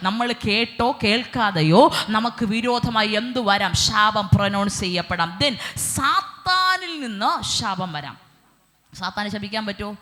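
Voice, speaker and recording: A woman's voice: medium pitch, lively intonation, normal speed, pushed and bright. A woman with a Malayali accent preaching a sermon, dropping hallelujahs and English fillers, asking the congregation questions and answering them.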